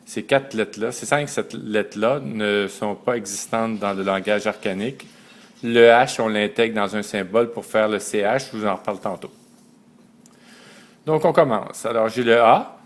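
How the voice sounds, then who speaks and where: A man, slowly and methodically teaching a writing system letter by letter. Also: on the low side. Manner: slow and methodical, spelling out letters one by one. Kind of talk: step-by-step lesson.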